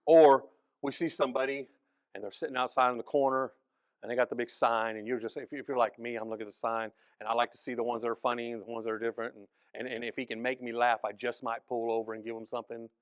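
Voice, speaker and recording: A man preaching as pastor, telling the story in an animated way, acting out the people in it and restarting phrases often. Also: medium pitch, fast talker, clear, resonant tone, dry recording, muffled recording. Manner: animated storytelling, acts out voices, frequent restarts. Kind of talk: sermon.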